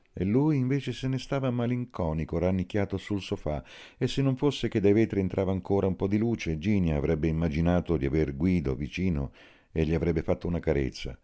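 A man narrating a literary audiobook in a slow, measured way. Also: low-pitched, warm tone.

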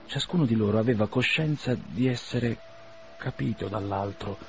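A man reading an audiobook in a measured, even storytelling manner, on a muffled lo-fi recording. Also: mid-range voice, slight background noise. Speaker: audiobook narrator.

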